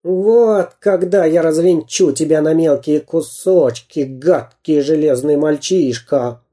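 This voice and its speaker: A man voicing a gruff, dim-witted bearded pirate captain in a storybook reading, blustering slowly. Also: a little high, mellow.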